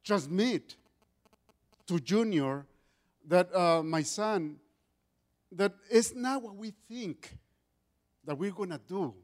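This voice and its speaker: Testifying in church as a guest speaker, a middle-aged Spanish-speaking man with a Mexican accent talks slowly and expressively, with long pauses. His voice is loud and high for a man, and his earnest delivery is full of restarts.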